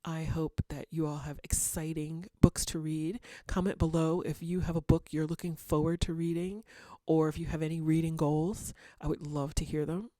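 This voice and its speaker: A woman vlogger chatting casually to camera, rambling a little, with fillers and soft laughs. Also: low-pitched, flat delivery, normal speed, no echo. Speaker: writer and vlogger.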